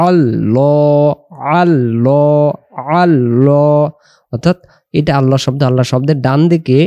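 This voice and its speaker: A man with a Bangladeshi accent giving a pronunciation lesson on prayer phrases, stretching out slow model recitations between brisk explanations. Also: medium pitch, warm tone, no room sound.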